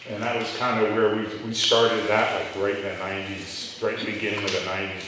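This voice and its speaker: A middle-aged restaurant owner with a deep, fairly bright voice tells rambling stories during a live onstage interview, restarting often and laughing along the way. His handheld mic cut out, so he was picked up from a distance, and the audio sounds far off in an echoey hall with faint noise.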